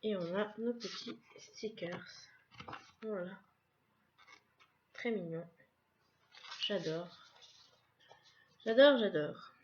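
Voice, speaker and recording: A woman's voice: medium pitch, slow, long pauses, dull audio, background noise. A woman casually presenting a subscription box in a vlog, describing each item one by one in a chatty way. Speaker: vlogger unboxing a subscription box.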